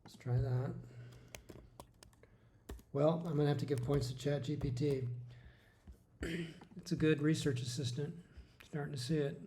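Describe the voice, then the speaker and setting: A man's voice: on the high side, steady tone, a little slow, pauses often, warm tone, slight background noise. A man thinking aloud as he codes on a laptop microphone, exasperated and swearing under his breath. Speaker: programmer recording a coding session. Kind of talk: unscripted live-coding commentary.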